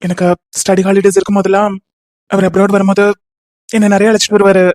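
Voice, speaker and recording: A woman voicing a gentle young husband who speaks softly and calmly in a cartoon romance. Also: medium pitch, fast talker, no echo, studio quality, pitched below the performer's own voice, lightly acted. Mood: tender.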